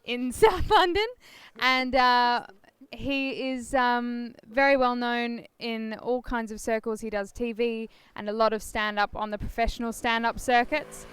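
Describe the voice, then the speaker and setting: A woman hosts an interview in a very clear, smooth voice that sits a little higher than most women's. She asks polite questions and pads them with soft fillers. The recording is dry and close. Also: fairly even intonation, measured pace, no echo. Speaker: interviewer host. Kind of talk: interview hosting.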